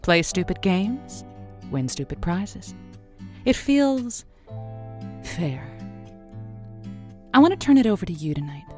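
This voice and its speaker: In a fiction podcast framed as a late-night radio monologue, an actress plays a playful, musing, wry and feisty woman hosting a late-night advice show. Her fairly low voice is very animated yet slow, slightly mellow and full of frequent pauses, with faint music behind her.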